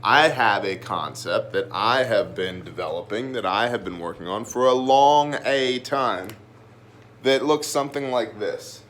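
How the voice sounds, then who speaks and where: This prepper class host talks to camera in an informal whiteboard lesson, his lowish, a bit bright, slightly phlegmy voice coming a little slow. He's blunt, slangy and emphatic, and a little hiss or hum sits under the audio.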